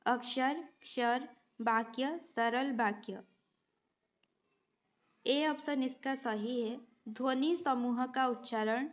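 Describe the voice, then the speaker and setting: A woman teaching a grammar lesson at a slow, unhurried pace, her voice sitting a little high. She goes through quiz questions patiently, explains each step and checks in with the students. The sound is dull and a bit lo-fi. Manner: patient, explains step by step, often adds a short "okay" check. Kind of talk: exam-prep lesson going through multiple-choice questions.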